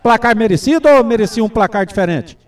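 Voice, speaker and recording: High-voiced Brazilian man on football radio. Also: animated, fast talker, far from the mic. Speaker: football broadcast reporter and commentator. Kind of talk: live football commentary and chat.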